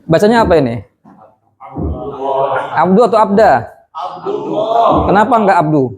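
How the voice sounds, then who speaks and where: A man teaching Arabic grammar in a prayer room, quizzing his students with quick questions and then repeating and explaining each term. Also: high voice, a crowd in the background. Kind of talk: classroom lesson.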